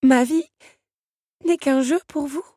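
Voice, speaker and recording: A woman reading aloud voices a frightened young woman who pleads and protests in breathless high cries, her voice breaking. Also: slow, warm tone, no room sound, clean studio sound. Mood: desperate.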